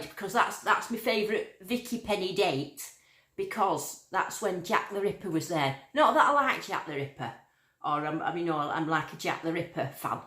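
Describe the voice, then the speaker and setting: A metal detecting livestream host from Lancashire chats casually and reads out viewer comments. Her northern accent has a slight Yorkshire sound, and her mid-range voice is fairly bright in a roomy-sounding space.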